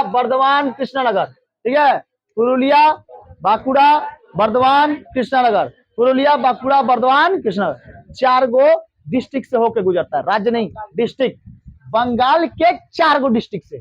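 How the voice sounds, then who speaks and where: High-voiced man drilling a class. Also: no echo, highs cut off. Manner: repetitive, drilling questions, mimics regional speech. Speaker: teacher. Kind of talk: classroom lecture with call-and-response.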